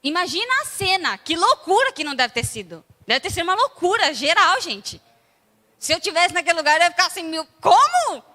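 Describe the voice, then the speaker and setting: Brazilian woman preaching, chatty and animated, high voice, echoey church hall. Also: fairly quick. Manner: conversational, acts out scenes animatedly. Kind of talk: sermon.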